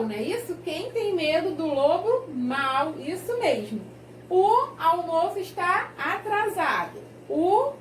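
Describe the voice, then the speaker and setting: A woman teacher with a Brazilian accent talks young pupils through their workbook in a very high voice that rises and falls a lot. She paces everything slowly and clearly, in a sing-song way. She sits a little back from the microphone in an echoey room with a faint hiss behind her. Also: far from the mic. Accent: Brazilian Portuguese. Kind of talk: remote class lesson reading a textbook.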